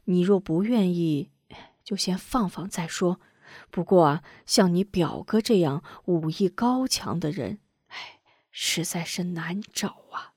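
Brief: stern officer father, played by a female storyteller, soft and hushed when he reasons. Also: lowish voice, expressive, takes it slowly, husky, no echo, clean studio sound, full character voice. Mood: coaxing. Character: stern middle-aged father, a military officer.

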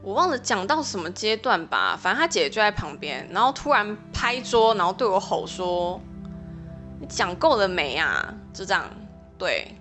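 A young woman at a mid-range pitch tells a personal story as a podcast host. She rambles casually with lots of fillers, and her voice flares up when she recounts an argument. Music plays behind her. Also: sing-song, normal speed, fairly bright tone. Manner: chatty, rambling retelling with many fillers, flaring up when recounting quarrels.

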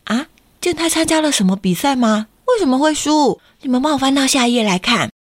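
A woman reading a picture book aloud to children, lively and playful, asking them questions. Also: high-pitched, brisk, no room sound, clean studio sound. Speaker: storyteller for children.

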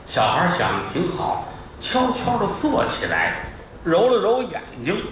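A man's voice: high voice, wildly swooping pitch, a little slow, fairly bright tone, slight background noise. A middle-aged man telling a comic traditional story with playful asides on a live stage, recorded from a distance in an echoey hall.

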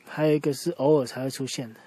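A man spinning an improvised story for a young child in a middle-pitched voice. He explains patiently, answers questions as he goes along, and keeps the tale moving in simple words. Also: steady tone, quick pace, dark tone, slightly rough.

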